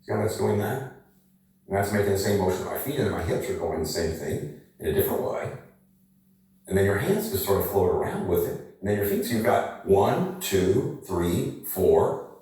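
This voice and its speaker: A man with a somewhat low voice leads energy exercises, coaching in a lively, coaxing way full of rhetorical questions. His voice rings with heavy room echo. He is some distance from the microphone. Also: normal speed. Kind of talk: demonstrating physical exercises to camera.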